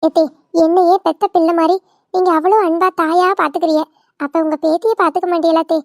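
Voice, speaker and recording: A woman's voice: very high-pitched, little pitch movement, fast talker, darkish tone. A woman voicing a playful, talkative young village daughter-in-law, in a cartoon. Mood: cheeky. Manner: playful, teasing, cheeky. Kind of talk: cartoon voice acting.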